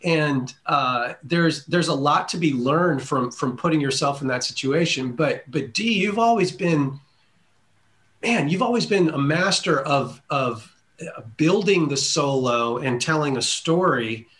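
A man's voice: fairly high pitch, animated, measured pace, fairly bright tone. A man hosting a podcast interview, talking in an enthusiastic, casual way and often repeating words as he goes. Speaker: podcast host.

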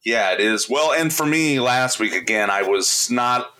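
Playful bright-voiced podcast host man. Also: mid-range voice, animated, measured pace, rough recording. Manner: playful, laughs often, quizzes his co-host. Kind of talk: casual chat.

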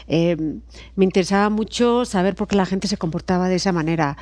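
A woman's voice: fairly low pitch, a little fast, no echo. A middle-aged woman from Spain with a Spanish accent, a guest psychologist telling stories expressively in casual podcast chat. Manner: lively, expressive storyteller, laughs often.

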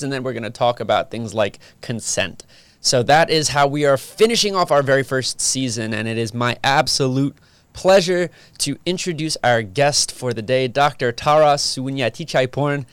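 Upbeat male podcast host, smooth and dry. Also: mid-range voice, no room sound. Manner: upbeat, friendly, some filler words. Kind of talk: interview podcast.

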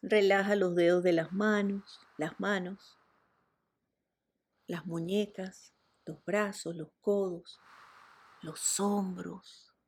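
A woman guiding a relaxation meditation in a soft, soothing voice, with breathy whispered cues. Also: mid-range voice, steady tone, slow, long pauses. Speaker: meditation guide.

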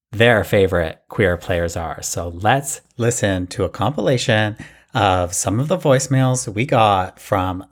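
A man hosting a podcast in a casual, chatty and excitable way. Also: lowish voice. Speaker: podcast host.

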